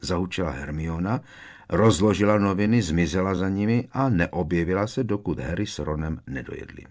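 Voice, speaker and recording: A man narrating an audiobook in a calm, even storytelling manner. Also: sits low. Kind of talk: scripted narration.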